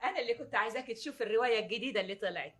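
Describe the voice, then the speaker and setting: A meek, husky-voiced Egyptian relative. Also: female voice, on the high side, very fast, a bit bright, soft background music. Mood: polite. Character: meek, obliging young woman relative. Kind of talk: classic film drama.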